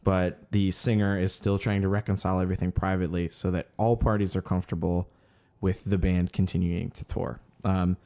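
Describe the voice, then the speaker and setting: Co-hosting a laid-back podcast, this man goes through music news, filling it with ums and leaving sentences unfinished as he hunts for words. His voice is low and dark with little pitch movement, and he speaks a little fast with few pauses.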